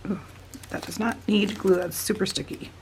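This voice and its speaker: A chatty woman in her thirties talks casually while she works on a paper collage. She laughs often and drops to a low murmur when placing pieces. Her voice sits at an ordinary pitch, with a faint hiss of background noise. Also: steady tone, normal speed. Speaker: crafting vlogger. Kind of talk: casual chat while crafting.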